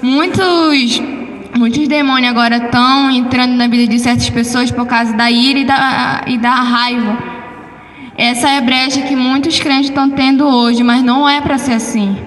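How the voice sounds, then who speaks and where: A Brazilian woman with a fairly high voice tells her testimony in church, acting out each exchange as she goes. Her voice rings through a hall with a long reverb tail, with faint ambience behind it. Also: moderate pace. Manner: animated storytelling, reenacting dialogue. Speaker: church member giving testimony. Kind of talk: spoken testimony.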